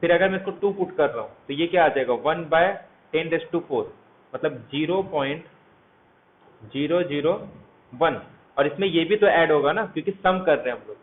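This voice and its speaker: A man's voice: fairly high pitch, normal speed. A man teaching a math lecture, walking through each step and asking his students questions as he goes. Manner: walks through steps, asks students questions. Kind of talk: explanatory lecture. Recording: tinny phone-like audio, faint hiss.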